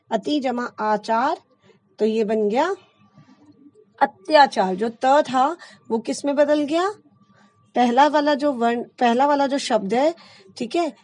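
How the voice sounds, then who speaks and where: A woman's voice: high-pitched, darkish tone, no echo. A woman teaching a Hindi grammar lesson, explaining step by step and often checking in with her class.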